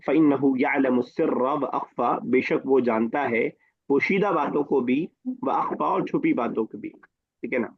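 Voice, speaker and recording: A man's voice: mid-range voice, no echo. A man teaching an Arabic lesson online, explaining each word step by step and often checking that students follow. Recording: dull dry online-call audio.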